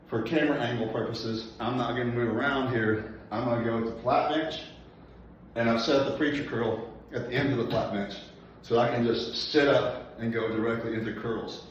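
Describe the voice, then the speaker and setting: A man's voice: mid-range voice, fairly even intonation, moderate pace, a little hiss or hum. A man in his forties talking casually between workout sets, out of breath and enunciating carefully with many fillers. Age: 40s. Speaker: personal trainer. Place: gym, indoors. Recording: echoey, distant, dull gym recording.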